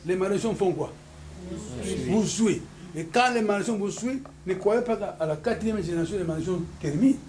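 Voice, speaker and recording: Homme, congolais, sermon en appel-réponse, enregistrement de salle bruyant. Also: male voice, high-pitched, a little fast, a little mellow. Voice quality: emphatic, repeats hallelujah to the congregation. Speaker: pastor. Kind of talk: sermon with call-and-response. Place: church hall. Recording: noisy church hall recording.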